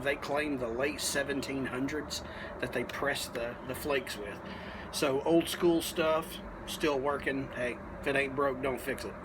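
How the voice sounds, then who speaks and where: Behind clear background noise, a man talks through a casual review in a folksy, unhurried manner. His voice sits at an ordinary male pitch, and he pauses often as he explains things like a hobby reviewer on video. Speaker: pipe tobacco reviewer.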